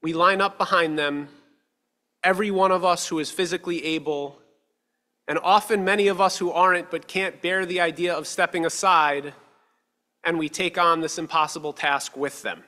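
A male rabbi in his thirties giving a measured, earnest sermon at a lectern with a stand mic, slowing down for emphasis. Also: a little high, fairly even intonation, pushed and bright. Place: synagogue sanctuary, at a lectern. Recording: long reverb of a sanctuary hall.

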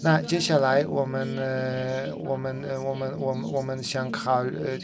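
Halting male conference interpreter, crowd behind. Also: medium pitch, flat delivery. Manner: halting, many fillers and repeated words. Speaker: simultaneous interpreter. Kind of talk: simultaneous interpretation of a panel.

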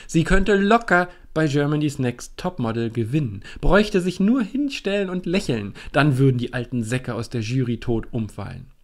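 A man reads his youth novel aloud in the first person. His pitch swings widely as he dramatizes each moment, in a mid-range voice. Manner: lively, dramatic storytelling. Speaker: author reading his book. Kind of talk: expressive first-person book reading.

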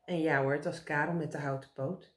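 A woman reading a children's book aloud with lively, expressive narration. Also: deep voice, fairly quick. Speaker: storybook reader. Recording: roomy echo.

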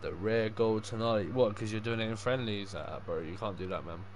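A young man with a lowish voice chats casually at a normal speed while livestreaming a game. He swears freely and uses lots of matey slang, and background noise comes through clearly.

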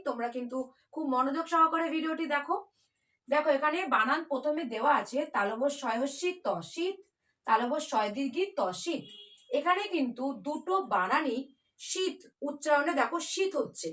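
A woman's voice: high-pitched, fairly bright tone. A woman teaching a children's spelling class in a patient, coaxing way, spelling words out letter by letter.

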